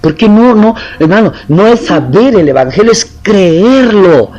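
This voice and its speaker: Male preacher, somewhat high, highly animated delivery, plays the doubters' voices in his sermon. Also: a little slow, highs cut off. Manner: swings between low murmurs and high shouted appeals; acts out quoted voices of doubting believers.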